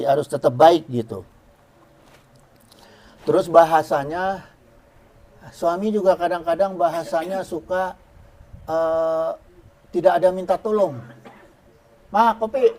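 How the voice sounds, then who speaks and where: A man giving a relaxed, joking religious lecture to women, chanting Arabic phrases slowly. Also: fairly high pitch, vocal fry. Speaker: preacher.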